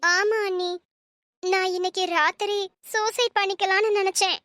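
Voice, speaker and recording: A woman voicing a fragile, despairing young wife in a cartoon story, speaking softly and wearily. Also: extremely high pitch, steady tone, moderate pace.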